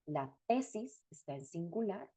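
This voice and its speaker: A woman's voice: fairly low pitch, big pitch swings, measured pace, warm tone, breathy edge. A woman teaching a grammar class, explaining step by step and repeating each example word. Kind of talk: recorded lecture.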